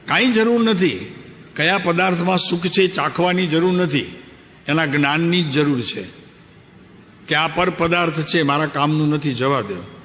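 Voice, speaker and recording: An older spiritual teacher talks in a chatty, story-telling way, often turning to ask his listeners questions. His voice sits a little high for a man, and a long reverb trails behind it through a large hall. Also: animated, unhurried, fairly bright tone, slight background noise. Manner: conversational and anecdotal, questioning the listeners. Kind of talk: spiritual discourse.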